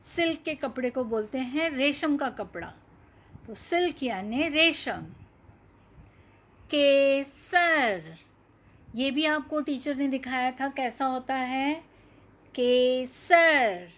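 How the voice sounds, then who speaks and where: A woman teacher giving a children's reading lesson, stretching out each word slowly and asking the class to repeat. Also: high-pitched. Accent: Hindi. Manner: slow, drawn-out word-by-word reading with repeated questions. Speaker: primary school teacher.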